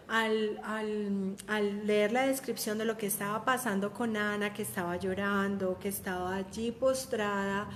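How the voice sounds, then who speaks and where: A woman's voice: mid-range voice, slight background noise. A woman, telling a personal faith testimony in a heartfelt, conversational way with frequent restarts. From Colombia. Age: 30s.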